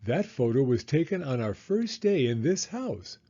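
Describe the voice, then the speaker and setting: A man voicing a jolly, proud father pig in a storybook, good-humoured and unhurried. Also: mid-range voice, big pitch swings, warm tone, highs cut off. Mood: fond.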